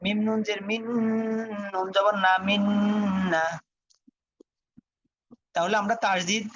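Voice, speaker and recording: Male teacher with a high voice, dry dull lo-fi sound, chants letter-by-letter spelling drills. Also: no echo. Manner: spells out letters and vowel marks in a steady chant, then reads the whole word. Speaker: Quran reading teacher. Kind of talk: spelling-out recitation lesson.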